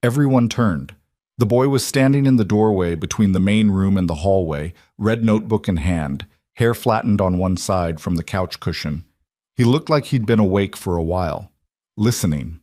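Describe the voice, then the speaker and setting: Male narrator with a low voice, measured and grave, dry close sound. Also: lively intonation, warm tone, no echo. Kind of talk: scripted dramatic narration.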